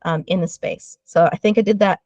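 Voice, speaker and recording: A woman in her forties, talking as an interview guest in an earnest, animated way, with fillers and restarts. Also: on the low side, fairly quick, no echo. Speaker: guest speaker, trauma-informed ministry leader. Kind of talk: conversational interview talk.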